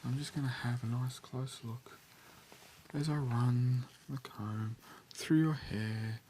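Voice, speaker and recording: A man doing an ASMR role-play as a scalp examiner, speaking softly, soothingly and reassuringly with unhurried instructions. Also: medium pitch, steady tone, a little hiss or hum. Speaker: ASMR performer playing a scalp-check examiner.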